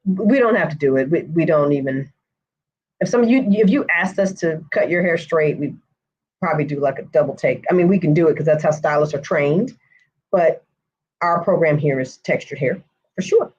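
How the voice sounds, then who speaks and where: A woman's voice: sits low, moderate pace, a little mellow, husky, dull audio. A woman hair stylist teaching a live online course, chatting with viewers by name and answering their comments. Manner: chatty, addresses viewers by name, says y'all.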